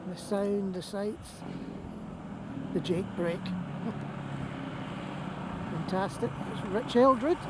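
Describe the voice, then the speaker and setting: A woman's voice: medium pitch, drawn-out words, long pauses. A woman gives casual running commentary with short, chatty remarks, recorded outdoors by a road on a camera mic. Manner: chatty, short admiring remarks with small asides. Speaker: videographer commenting on arriving trucks. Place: outdoors by a showground entrance road. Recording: outdoor camera audio under loud traffic noise.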